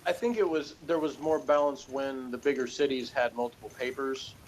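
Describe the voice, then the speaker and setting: This podcast co-host from Texas, United States, talks through a TV episode review in a medium-pitched voice at a moderate pace. His chat is loose and unscripted, full of rambling, self-corrections, and dry humor, captured on a low-quality recording.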